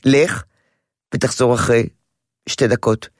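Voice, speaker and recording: A parenting advisor with a rumbling low, steady voice gives a caller advice, hammering her points home and repeating them often. She regularly imitates a child's voice, and the studio sound is clean, without any echo.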